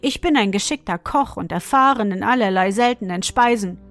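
A woman's voice: mid-range voice, moderate pace, a bit bright, faint music behind, close to an everyday voice. A woman voicing a small dwarf who speaks politely and humbly.

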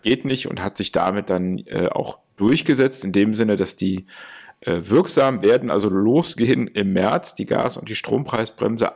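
A man's voice: on the low side, creaky. A man explaining a policy topic at length in conversation, with frequent fillers as he searches for words.

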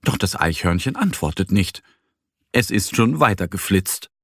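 A man narrating a children's story slowly and gently, with a husky voice. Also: low-pitched, dry recording, studio quality. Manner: slow, gentle, expressive.

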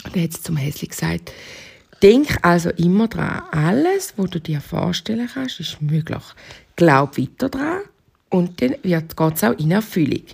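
A woman in her thirties tells her child a made-up story in a St. Gallen Swiss German accent. Her pitch swings up and down as she narrates, and her voice is creaky and husky throughout. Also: measured pace. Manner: lively, animated narration with doing voices. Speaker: mother telling a story.

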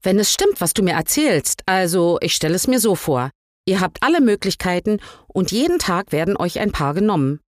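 Grandma reading as a little fat old king, slow and musing, low voice, storybook. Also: big pitch swings, no echo, studio quality. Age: older. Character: tiny fat old male king who shrinks with age, wistful and wise.

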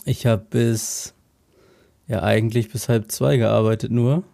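A man's voice: mid-range voice, steady tone, unhurried, creaky, mellow. Easygoing German man telling stories. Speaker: podcast co-host. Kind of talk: casual chat.

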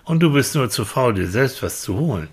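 A man playing a patient, fair-minded friend who calmly lectures and sets limits in a children's puppet comedy. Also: medium pitch, brisk, husky. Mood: lecturing.

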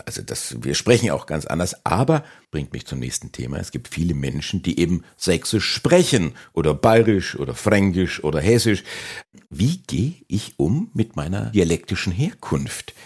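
A man's voice: low-pitched, breathy edge. A man hosting a podcast interview, chatty and rambling, talking at length in a conversational way. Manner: chatty, rambling, self-aware about monologuing. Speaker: podcast host.

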